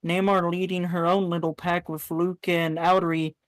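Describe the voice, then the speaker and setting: A woman's voice: fairly low pitch, little pitch movement, normal speed, no room sound. A woman commentating a live sim race in a chatty way, often correcting herself mid-sentence.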